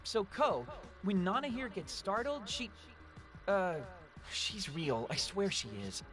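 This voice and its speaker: A man's voice: sits high, slow pace, exaggerated voice. A man voicing a cheeky, easily exasperated teenage boy in an anime game, talking casually. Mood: chatty. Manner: casual, animated. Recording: music behind the voice.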